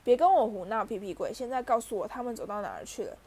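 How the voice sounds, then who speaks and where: A woman's voice: on the high side, expressive, quick pace. A woman voicing a grumpy old male caretaker who mutters and demands answers. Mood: demanding. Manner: muttering and gruff.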